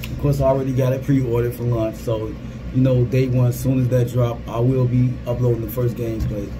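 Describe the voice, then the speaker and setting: A man's voice: medium pitch, little pitch movement, brisk. Casual man vlogging in a noisy little booth. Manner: informal, repeats phrases. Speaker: gaming content creator. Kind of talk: casual vlog update. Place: small security guard booth. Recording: clear vehicle and ambient background noise.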